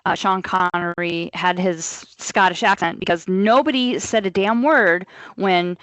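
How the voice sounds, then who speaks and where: A woman's voice: fairly low pitch, measured pace, a bit bright, no echo, rough recording. A woman co-hosting a casual podcast film review, blunt and wry.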